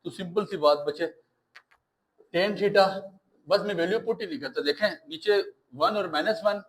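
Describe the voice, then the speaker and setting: A man's voice: high-pitched, moderate pace, rough recording. Reassuring male maths teacher, Pakistani Urdu accent. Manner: coaxing, reassuring, mixes English maths terms into Urdu, calls students sir and bachay. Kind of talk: recorded maths lesson.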